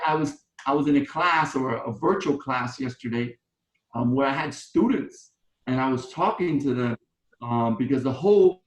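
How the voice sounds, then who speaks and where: A man co-hosting a live webinar who speaks earnestly as an instructor, with restarts and you-knows. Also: mid-range voice. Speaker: co-host and instructor. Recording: roomy echo.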